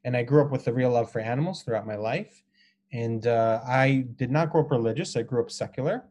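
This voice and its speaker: An American man from Israel and Colorado, US, teaches an online class in a casual lecture style, his voice medium in pitch with a somewhat dark tone. He speaks haltingly and hesitantly, with frequent ums and pauses. The video-call audio carries a bit of hiss or hum.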